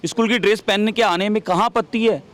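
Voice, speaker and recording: A man's voice: high-pitched, fairly even intonation, fast talker, a bit bright. A man giving a heated interview as a legislator, combative, repeating rhetorical questions.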